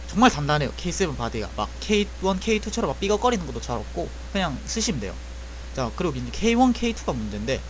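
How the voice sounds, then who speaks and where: A slightly high-pitched young man explains a repair job in an offhand way, self-correcting while thinking aloud. He's an airsoft gun technician giving a casual spoken tutorial, captured on poor audio with slight background noise.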